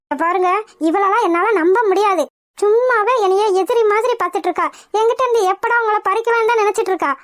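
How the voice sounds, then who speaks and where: A woman's voice: extremely high pitch, quick pace, no echo, clean studio sound. A woman voicing a jealous, anxious young wife in a cartoon, scolding and fretful. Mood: suspicious. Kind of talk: Tamil cartoon voice acting.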